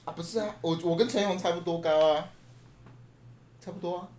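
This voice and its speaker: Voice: medium pitch, fairly even intonation, brisk, a little mellow. A young person in their late teens with a Taiwanese Mandarin accent, co-hosting a podcast, joking and rambling with many repeated words. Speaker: podcast co-host. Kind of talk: casual chat. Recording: echoey room.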